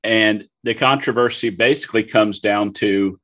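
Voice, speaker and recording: Low-voiced man explaining a novel. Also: moderate pace, fairly bright tone. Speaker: podcast co-host. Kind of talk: casual literary discussion.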